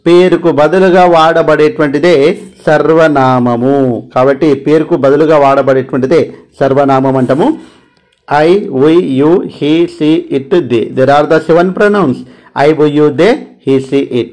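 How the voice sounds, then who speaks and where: A man with a Telugu accent gives an exam-prep English grammar lesson. He mixes Telugu explanation with slow, deliberate English and repeats key words for stress. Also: a little high, darkish tone. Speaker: English teacher.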